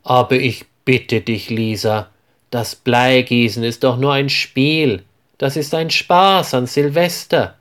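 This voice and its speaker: A man voicing a kind middle-aged aunt in a storybook reading, speaking calmly and reassuringly, at an unhurried pace. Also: mid-range voice. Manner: calm, reassuring advice.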